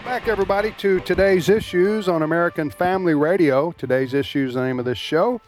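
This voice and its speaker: A man hosting casual talk radio in a studio, folksy and halting, often repeating words. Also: sits high, soft background music. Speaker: radio host, ministry president.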